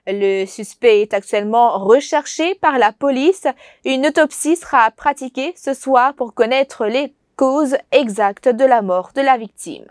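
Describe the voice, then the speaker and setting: A woman news anchor reading scripted evening news in a measured, formal way. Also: fairly high pitch, a little mellow, no echo, clean studio sound.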